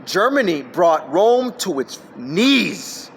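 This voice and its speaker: A male vlogger with a high-pitched voice rants alone into his phone, rambling and jumping from topic to topic with emphatic, scattered energy. He talks slowly in a sing-song way, with a faint hum of background noise.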